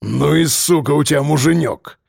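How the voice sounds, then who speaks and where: A man voicing a rough, blunt male prisoner who speaks in a coarse, booming way. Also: normal speed, darkish tone, no echo, studio quality.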